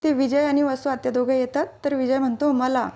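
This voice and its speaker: Woman storyteller for episode recaps, high soft mellow voice. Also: little pitch movement, brisk. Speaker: TV serial recap narrator.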